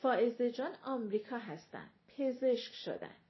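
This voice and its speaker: A woman's voice: fairly high pitch, expressive, muffled recording, close to an everyday voice. A woman voicing a blunt, nosy, gossipy middle-aged mother who chatters on, in an audiobook reading.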